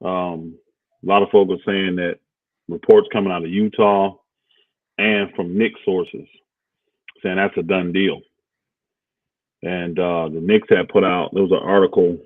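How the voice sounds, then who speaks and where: A deep-voiced man talks through sports news in a loose, rambling way, pausing on fillers as he thinks aloud. The sound is dry and thin, like a phone line. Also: fairly even intonation, no echo. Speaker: co-host of a basketball talk stream. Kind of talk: casual sports talk livestream.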